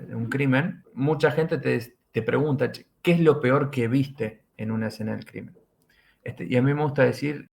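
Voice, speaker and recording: Speaking with an Argentine accent, a middle-aged forensic doctor talks about his job in a podcast interview, hammering home key phrases by repeating them. His voice is medium-pitched and creaky, and a little hiss or hum can be heard.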